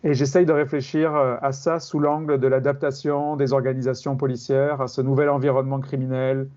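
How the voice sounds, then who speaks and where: A middle-aged man from France, a criminology professor explaining his field in an interview, measured and hesitant with many fillers. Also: mid-range voice, flat delivery, warm tone, lo-fi sound.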